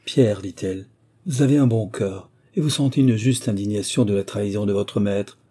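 A man voicing a frightened, gentle young woman who speaks softly and earnestly in an audiobook. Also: on the low side, normal speed, husky. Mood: anxious. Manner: pleading and soft.

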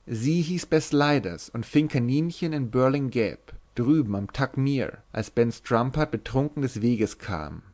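A man narrating a classic novel at a mid pitch for a man, measured and expressive. His storytelling is steady and clear. A literary audiobook reading.

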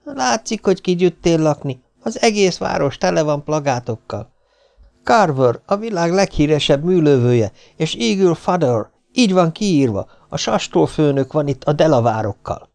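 A man voicing a cheeky, streetwise city boy who talks in an excited, slangy way. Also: fairly high pitch, gravelly, voice pushed up.

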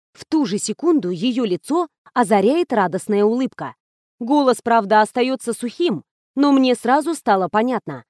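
A woman narrates a detective novel in the first person with a measured, storytelling delivery. Her voice sits a little high. The recording is dry and close, with no room around it. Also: a little mellow, no echo. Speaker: audiobook narrator.

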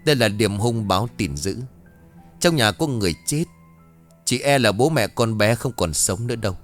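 A man's voice: lowish voice, expressive, soft background music, natural voice. A man doing a grave old spirit master. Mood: grave warning. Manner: grave, slow and foreboding.

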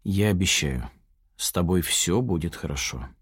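Man doing a low-voiced, guilty kidnapper. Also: animated, normal speed, slightly rough, dry recording, studio quality. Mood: soft reassuring. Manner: low, gentle, subdued. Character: curly-haired male kidnapper, softly guilty.

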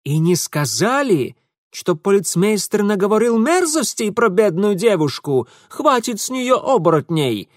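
A man's voice: high voice, very animated, a little slow, no echo, voice pushed up. A blunt, cocky young man, as a male narrator plays him, firing off short retorts a little raised over the narration. The recording is close and dry. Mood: irritated. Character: brash, reckless young man, curt and cocky.

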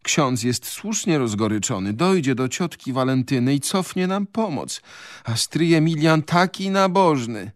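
A man's voice: on the high side, animated, a little slow, no echo, clean studio sound, pitched above the performer's own voice. A man reading aloud, voicing a pained, plaintive middle-aged mother in a radio reading of a novel.

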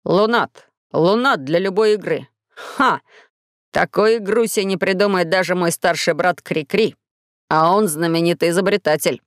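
A mysterious young alien boy speaks in a low, eager hush, as a woman puts him on. The sound is dry and close. He comes from a children's storybook reading. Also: normal speed, no echo, close to an everyday voice. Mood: excited. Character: young male alien visitor, playful and mysterious.

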